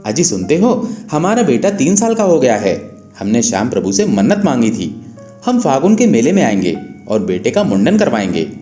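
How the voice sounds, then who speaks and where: A man voicing a devout young mother who pleads in a high, wailing voice, recorded in an echoey room with faint guitar music. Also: very animated, normal speed, mellow, lightly acted. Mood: gentle.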